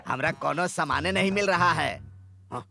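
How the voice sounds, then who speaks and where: A man's voice: a little high, moderate pace, vocal fry, bright, forceful tone, faint music behind. A man dubbing a lazy, bossy husband and father who nags and grumbles at his wife. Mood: nagging. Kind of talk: Hindi film dub comedy scene.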